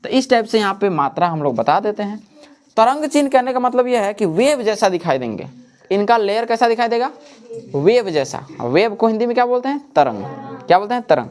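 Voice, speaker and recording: A man's voice: high-pitched, big pitch swings, a little fast, darkish tone. A man teaching in a coaching classroom. He keeps asking the class questions and answering them himself. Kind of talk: classroom lecture.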